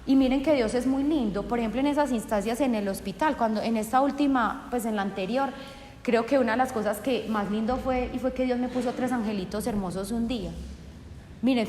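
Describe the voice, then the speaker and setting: With a voice on the high side, a woman testifies about her faith before an audience, earnestly reenacting dialogue she remembers. The long reverb of an echoey hall fills the recording, along with a slight hiss or hum.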